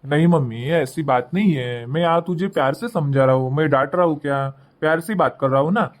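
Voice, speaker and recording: A man's voice: high-pitched, moderate pace, natural voice. A man voicing a harried young husband in a cartoon, pleading and placating between his wife and mother. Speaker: son and husband.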